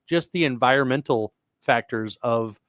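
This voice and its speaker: Male podcast co-host, casual rambler, even mid voice, dry studio sound. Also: mid-range voice, normal speed, no echo. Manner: rambling, restarts often, enthusiastic about sci-fi tech. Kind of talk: casual chat.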